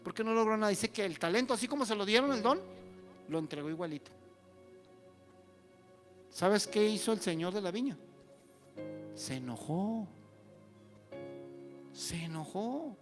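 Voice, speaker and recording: A male pastor, preaching an animated sermon and acting out the voices of the people he quotes. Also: high voice, a little fast, long pauses, faint music behind.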